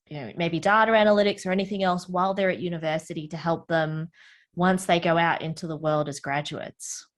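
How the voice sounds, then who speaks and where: Female moderator, engaged and upbeat, questions the panel. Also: medium pitch.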